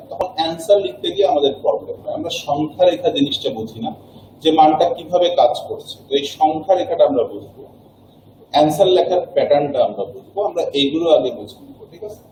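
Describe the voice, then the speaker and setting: A man's voice: on the high side, animated, quick pace, darkish tone, a little hiss or hum. A man teaching a math class, patient and repetitive, often checking that students follow. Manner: patient, repeats points and checks understanding. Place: classroom with digital board. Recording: echoey classroom, far from mic.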